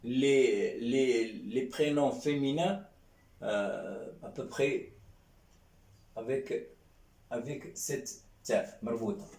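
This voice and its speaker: A man leads a classroom lesson in a very slow, deliberate way. He drills syllables over and over and keeps checking that his students follow. His voice sounds distant from the mic in a reverberant room. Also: medium pitch, a little mellow. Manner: patient, repeats sounds, keeps checking with "hein?". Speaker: Arabic teacher. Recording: roomy echo, distant mic.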